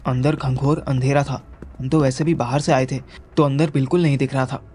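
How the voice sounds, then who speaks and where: A man's voice: medium pitch, fairly even intonation, fairly quick, darkish tone, faint music behind. A young man narrating a first-person audio story in a wry, casual manner.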